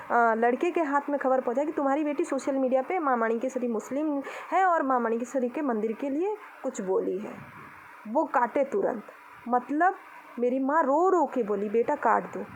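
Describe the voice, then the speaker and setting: A woman's voice: high voice, a little hiss or hum, rough recording. A young woman from Odisha, talking outdoors to the camera in an impassioned vlog, indignant and scolding as she preaches to her critics. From Odisha, India. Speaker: vlogger.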